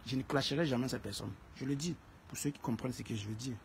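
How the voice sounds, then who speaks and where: A man's voice: mid-range voice, fast talker, creaky, slight background noise. A man hosting a casual live stream, greeting viewers by name and repeating phrases for emphasis.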